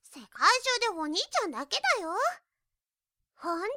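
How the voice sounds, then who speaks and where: A woman's voice: extremely high pitch, very animated, normal speed, pushed and bright, no echo, studio quality, full character voice. A woman voicing a domineering younger sister in an audio drama, speaking in a mocking, commanding tone. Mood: scornful. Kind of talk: audio drama role-play.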